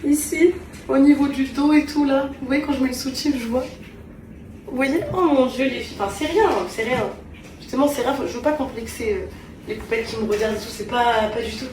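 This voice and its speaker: A woman talks casually to her camera in a home kitchen, warmly confiding in her viewers. Her voice sits a little high, and it sounds roomy and distant from the mic. Household noise can be heard clearly in the background. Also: fairly quick. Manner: chatty and confiding, addresses viewers as pets; soft and tender with her children. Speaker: vlogger.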